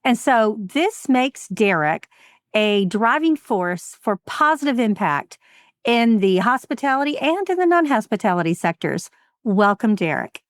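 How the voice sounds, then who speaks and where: A woman hosting an interview podcast, enthusiastic and quick to laugh, reading a guest introduction and asking questions. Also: a little high, sing-song, no room sound, studio quality. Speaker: podcast host.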